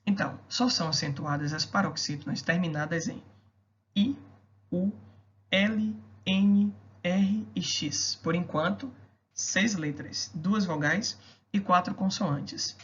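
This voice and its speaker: A woman's voice: lowish voice, slow pace. A woman teacher giving a recorded grammar video lesson, explaining rules step by step and checking in with rhetorical questions. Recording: dull lo-fi recording.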